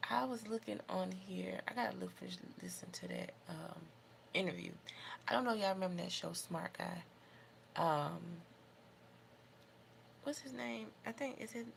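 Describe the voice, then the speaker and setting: With a gravelly, mid-range voice, this American woman chats on her livestream as she does her makeup. Her talk is rambling, opinionated and informal, and there's noticeable noise behind her.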